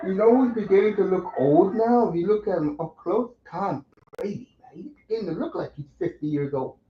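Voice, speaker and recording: A man hosting a casual sports chat, opinionated and lively, calling his guests bro. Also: high-pitched, fairly quick, roomy sound, lo-fi sound. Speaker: podcast host.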